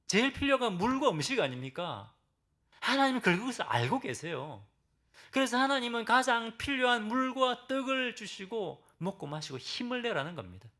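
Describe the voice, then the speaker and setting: A middle-aged male senior pastor preaching a sermon in a church, questioning his congregation and acting out biblical pleas in dramatic bursts. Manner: dramatic, acts out Bible figures' pleas with sudden loud high bursts; asks the congregation direct questions. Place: church sanctuary.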